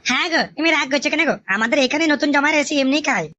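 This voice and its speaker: Woman as a fast-talking young wife. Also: high-pitched, pushed and bright, highs cut off. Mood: placating. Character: young wife, pleading and placating.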